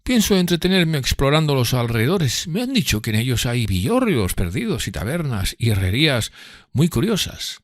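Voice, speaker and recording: Drummle, a man doing a sneering high-voiced snob. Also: big pitch swings, moderate pace, no echo, studio quality. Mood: disdainful. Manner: mocking, drawling, disdainful. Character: arrogant sneering young gentleman rival. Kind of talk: audiobook character voice.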